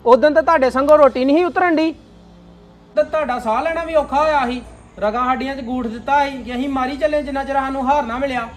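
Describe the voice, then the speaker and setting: A man's voice: very high voice, fairly even intonation, fast talker, slight background noise. A man playing a mocking, defiant husband.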